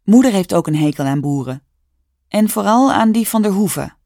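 A woman with a Dutch accent reading a children's story aloud in a calm, clear storytelling manner. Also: medium pitch, moderate pace, no room sound. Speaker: narrator. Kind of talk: scripted storybook narration.

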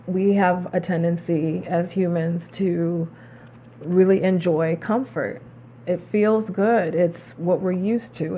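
A woman with a fairly low voice co-hosting a relaxed podcast, speaking in a reflective, encouraging way. A faint hiss of noise sits behind her voice. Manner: reflective and encouraging, affirming with mm-hmms. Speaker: podcast co-host. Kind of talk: casual chat.

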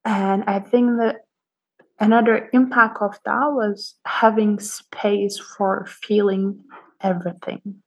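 A woman's voice: mid-range voice, steady tone, slow pace, slightly rough, rough recording. A woman speaking as a podcast guest, telling her own experience in a candid, reflective chat with easy laughs. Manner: warm, candid, laughs easily.

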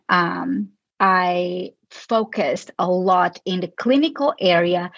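A woman's voice: mid-range voice, no echo, lo-fi sound. A woman from Portugal, a guest in a casual interview who answers thoughtfully and often restarts her sentences. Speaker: guest, psychologist.

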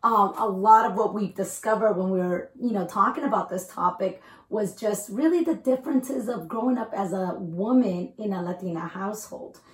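A woman's voice: medium pitch, normal speed, few pauses. A woman from El Salvador hosting a podcast, talking candidly and conversationally and slipping in Spanish phrases. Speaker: host. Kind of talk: casual podcast chat. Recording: echoey room.

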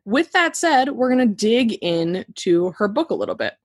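A woman's voice: on the high side, very animated, moderate pace, slightly rough, no echo, studio quality. A woman hosting a casual podcast, chatting and laughing her way through a book rundown with lots of fillers. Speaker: podcast host presenting a book.

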